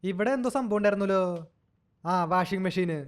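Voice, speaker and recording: A man's voice: high-pitched, fairly quick. A young man giving playful game commentary, teasing and cooing at an in-game baby as if it were a child. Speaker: gaming channel host.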